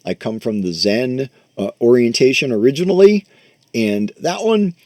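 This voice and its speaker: A man talks through a Buddhist teaching in a loose, chatty manner, full of fillers and the odd swear word. His voice swings widely in pitch as he leads listeners through breathing. He sits right up close to the microphone, in a dry room with no echo. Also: lively intonation, moderate pace, darkish tone. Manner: loose, conversational, swears casually, many fillers. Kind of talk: casual dharma talk with guided meditation.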